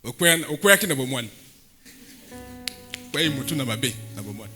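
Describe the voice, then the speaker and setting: Emphatic preacher with a bright voice. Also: male voice, mid-range voice, sing-song, normal speed, soft background music. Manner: preaching with sudden loud emphatic bursts, mixing in Lingala phrases. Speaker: pastor. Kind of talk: sermon.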